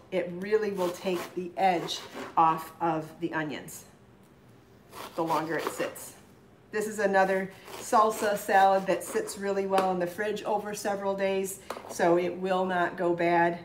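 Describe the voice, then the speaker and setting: A middle-aged cooking show host speaks a little slowly in a lowish, fairly even voice, chatting as she chops during a live demo at home. The fixed camera across the counter picks up an echoey kitchen and the knife hitting the cutting board.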